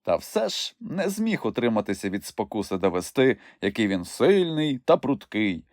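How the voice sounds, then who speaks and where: A man narrating a children's audiobook in an expressive storytelling manner on a studio mic. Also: medium pitch, normal speed, no room sound.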